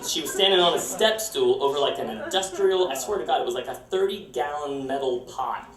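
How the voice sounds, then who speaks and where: A man's voice: on the high side, animated, brisk, recorded from a distance, crowd noise. Man, young adult, live storyteller, wry, self-mocking, roomy room, audience laughter.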